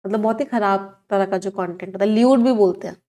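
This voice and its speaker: A woman's voice: medium pitch, fast talker, mellow. Hindi-English mixing woman teacher. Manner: explains words in Hindi mixed with English, asks the class questions. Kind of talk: online exam-prep lesson.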